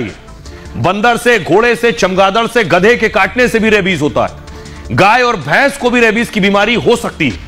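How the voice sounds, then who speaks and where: A man presenting a news segment, explaining clearly and speaking straight to the viewers. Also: high-pitched, fairly bright tone. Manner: clear explanatory delivery, addresses viewers directly. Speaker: news anchor.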